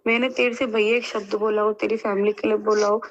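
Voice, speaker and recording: A woman's voice: medium pitch, flat delivery, fast. A woman arguing hard on a phone call. She is insistent and angry, pressing the other person to listen and agree. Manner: angry, insistent, keeps saying "है ना?". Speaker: caller in a quarrel.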